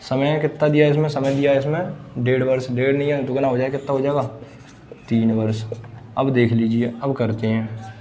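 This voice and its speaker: A man's voice: mid-range voice, little pitch movement, brisk, mellow, a little hiss or hum. A man teaching a blackboard maths lesson, asking the class questions and then answering them himself. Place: classroom with a board.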